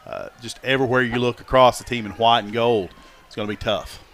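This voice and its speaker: A man with an American accent giving color commentary on a high school football game for local radio, chatty and analytical. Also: a little fast, a bit bright. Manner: chatty, analytical, drops to asides. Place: high school football stadium broadcast booth.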